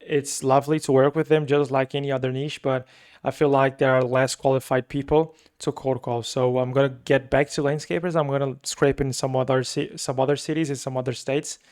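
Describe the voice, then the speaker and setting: This agency owner, a young Portuguese-speaking man with a Brazilian accent, talks a little fast in a loose weekly vlog, repeating himself and leaning on fillers. His voice sits in the mid range, level in tone and slightly mellow.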